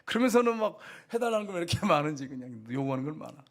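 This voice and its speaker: Male pastor, church sermon, slightly higher voice, conversational questions to congregation, bursts of emphasis. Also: sing-song, rapid-fire, a bit bright. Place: church sanctuary.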